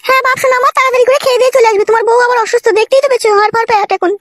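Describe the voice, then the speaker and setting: A woman playing a sharp-tongued village mother-in-law in a comic skit. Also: extremely high pitch, fairly even intonation, no echo, studio quality. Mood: bossy. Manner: scolding, quick rural housewife talk.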